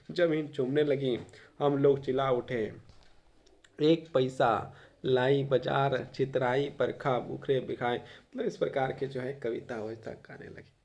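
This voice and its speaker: A male Hindi teacher who reads a textbook passage aloud and then explains it in casual spoken Hindi, often pausing on filler phrases and sometimes coughing. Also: mid-range voice, vocal fry, darkish tone. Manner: occasional coughs. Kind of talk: reading and explaining a textbook chapter.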